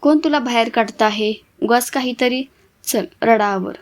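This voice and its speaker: Woman doing a gruff elder brother, brusque, storybook reading. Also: fairly high pitch, moderate pace, close to an everyday voice. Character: gruff but softening elder brother, man.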